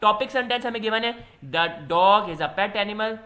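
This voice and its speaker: High, bright-voiced Pakistani tutor. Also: male voice. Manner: switches to slow, deliberate pace when reading English questions; loose, chatty teaching with fillers. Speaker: test prep tutor. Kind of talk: explaining exam questions.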